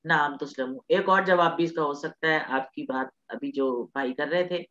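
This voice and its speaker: Woman teacher for an online class, patient and reassuring, lowish voice, dull lo-fi call audio. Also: a bit bright. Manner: patient, reassuring, mixes English terms.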